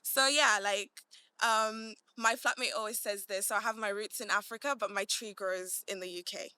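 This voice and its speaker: A young adult commercial analyst, born in Malawi and raised in Manchester, England, gives casual conversational answers as a podcast guest. She sounds chatty and informal, often slipping "like" into what she says. Her medium-pitched voice is steady, pushed, and bright, with a clean tone at a moderate pace on a dry recording.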